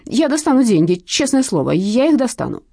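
A timid young man bleats and begs for more time in an audiobook, as a woman reader plays him. Her mellow voice moves in lively swings, recorded close and dry. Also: a little high, fairly quick, gravelly, dry recording, voice pushed up, heavily acted. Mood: pleading. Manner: timid, pleading. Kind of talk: audiobook character voice.

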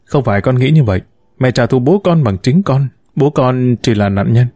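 A man's voice: medium pitch, moderate pace, dark tone, no echo, lightly acted. A man voicing an earnest, stubborn young adult son who argues firmly with his mother in an audiobook story. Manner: earnest, pleading yet firm.

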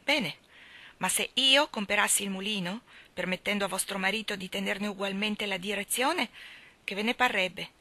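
A woman's voice: medium pitch, normal speed, bright, forceful tone. A woman reading an audiobook, voicing a brusque middle-aged male lawyer who speaks curtly and in a businesslike way. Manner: curt, businesslike.

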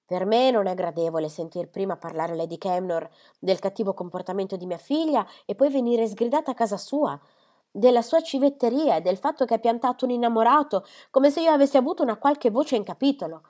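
A woman's voice: fairly high pitch, lively intonation, a little fast, darkish tone, voice pushed up, lightly acted. A woman reading a novel aloud, voicing a fretful, self-pitying middle-aged mother who scolds her daughter. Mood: reproachful. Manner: complaining, reproachful.

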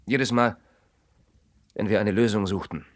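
A man's voice: on the low side, steady tone, measured pace, natural voice. An actor in a radio play voicing a man defending himself after an affair with his best friend's wife. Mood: earnest. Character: guilty best friend and secret lover, earnest.

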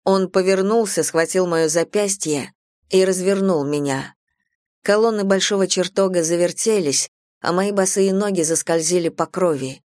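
A woman narrating a first-person audiobook in a measured, dramatic reading style on a close studio mic. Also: lowish voice, a little mellow, no room sound.

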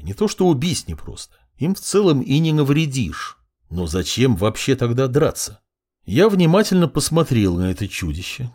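A man narrating a first-person fantasy audiobook in an ironic, expressive way. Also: mid-range voice, slightly rough.

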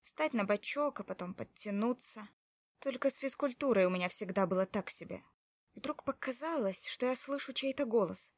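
A woman narrating a story in the first person as a heroine, in an expressive, emotional reading. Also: a little high, normal speed, dry recording, studio quality.

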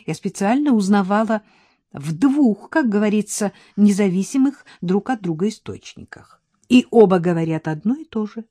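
A woman's voice: medium pitch, expressive, normal speed, dark tone, husky, no room sound, clean studio sound, pitched above the performer's own voice. Milka, a coquettish young woman, read by a woman. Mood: urgent. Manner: coquettish, teasing, talkative.

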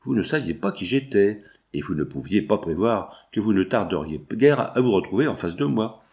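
A man's voice: fairly low pitch, animated, normal speed, darkish tone. A man reading an audiobook, voicing a cold, accusing, vengeful middle-aged magistrate. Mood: stern.

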